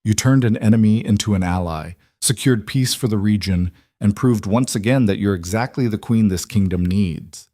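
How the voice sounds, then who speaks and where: A man voicing a devoted young king in an audiobook romance, speaking softly and heartfeltly. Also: on the low side, normal speed, hardly any pauses, dry recording, studio quality, natural voice. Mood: tender. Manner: soft, heartfelt speech. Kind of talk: audiobook story narration.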